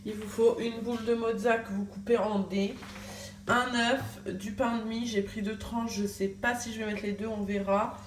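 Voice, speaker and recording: Here a young French family vlogger and mom talks casually into her handheld phone camera in her kitchen, with plenty of fillers and false starts. Her pitch is fairly high and her intonation fairly even, at normal speed. The audio is reverberant with slight hiss or hum.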